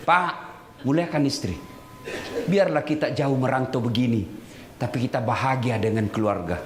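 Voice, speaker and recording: A man preaching a lively, humorous sermon to a crowd, teasing his listeners directly and swinging between loud scolding and low confiding asides. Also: normal speed, reverberant, background noise.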